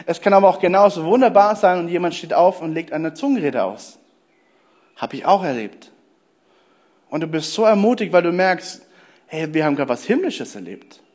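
A man preaching a lively sermon, telling stories and speaking straight to his listeners. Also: high voice. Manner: lively storytelling preacher, addresses listeners directly. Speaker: pastor.

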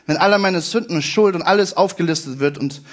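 A male preacher with a notably high voice delivers a sermon to his congregation. He speaks emphatically, hammering points home by repeating phrases. He is heard at a church service. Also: fast.

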